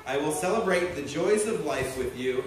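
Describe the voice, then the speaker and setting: A young man officiates a wedding in a very echoey church, reading the ceremony aloud. His fairly high voice swings widely in pitch. It sounds far from the mic. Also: lively intonation, normal speed. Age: young adult. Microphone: distant camera. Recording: echoey church, distant mic, loud ambient noise.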